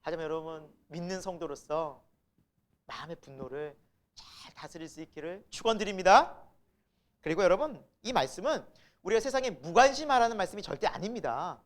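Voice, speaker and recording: A male pastor preaching a sermon, asking the congregation rhetorical questions, swinging between loud emphasis and soft asides, with chuckles between points. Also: sits high, animated, a little fast.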